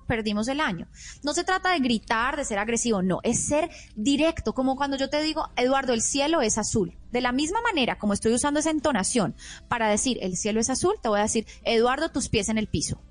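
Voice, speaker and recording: A woman's voice: sits high, lively intonation, fast talker. A woman parenting expert explaining in a teaching manner, acting out example phrases a parent might say. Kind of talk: explanatory podcast talk.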